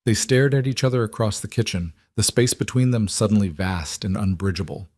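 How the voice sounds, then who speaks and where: A man narrating a dramatic audiobook story in a grave, measured manner, close to a studio mic. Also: on the low side, darkish tone, no room sound. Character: hurt, betrayed single father, Daniel.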